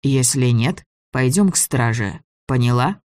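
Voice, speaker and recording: An audiobook reader voicing a calm, kindly grown man who talks slowly and gently. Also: mid-range voice, no echo, close to an everyday voice.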